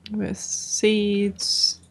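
A woman's voice: mid-range voice, monotone, drawn-out words. A young woman in casual gaming chat, a self-mocking beginner who mutters to herself while playing. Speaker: beginner gamer.

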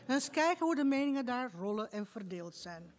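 A woman in her fifties from Romania, giving a prepared speech from a stage with measured, literary storytelling. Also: a little high, very animated. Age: 50s. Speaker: speaker at a book event. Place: stage in an event hall.

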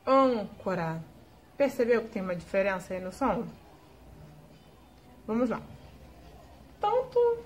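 A woman teaching a recorded lesson to young schoolchildren, slowing down to sound out each word clearly. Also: fairly high pitch, slight background noise. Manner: slow, clearly spelled-out words for young pupils. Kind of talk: recorded video lesson for children.

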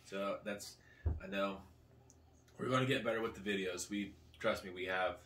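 Seated indoors at a small living-room table, a thirty-something man tastes food for his homemade challenge video and chats casually. He talks at a normal speed in a low, fairly bright voice with fairly even intonation. Faint room noise comes through, since the camera recording him is a couple of metres off.

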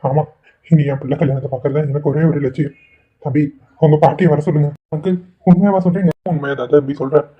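A man's voice: fairly high pitch, steady tone, fast talker, slightly rough. A man voicing an ailing, remorseful middle-aged village father in a cartoon, pleading through tearful apologies. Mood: resolved. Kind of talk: Tamil cartoon voice acting. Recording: tinny phone-like lo-fi audio.

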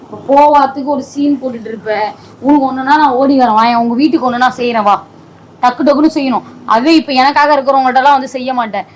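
High-voiced woman nagging and scolding. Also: quick pace, poor audio. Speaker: comedy skit performer. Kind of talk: scripted comedy argument.

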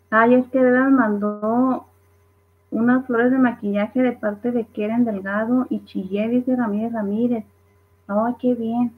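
A woman hosting a casual livestream, reading viewers' comments aloud and laughing along. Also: on the high side. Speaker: livestream host. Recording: tinny phone-like livestream audio.

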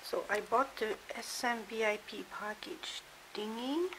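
A woman's voice: on the high side, measured pace. A woman vlogging casually from a dim hotel room, chatting and sometimes half-whispering as she shows her things. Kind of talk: casual show-and-tell vlog. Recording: hissy home recording. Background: steady hiss.

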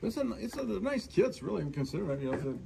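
A man at a model club meeting, talking casually and in a halting, rambling way about his build. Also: sits high, very animated, gravelly, dark tone. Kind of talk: casual chat. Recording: noisy room recording.

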